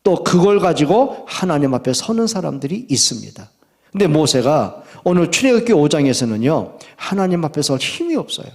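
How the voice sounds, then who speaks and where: A man preaching a sermon as pastor, reading scripture slowly and acting out quoted complaints with a raised voice. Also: fairly high pitch, very animated, a little mellow. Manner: reads scripture slowly and deliberately.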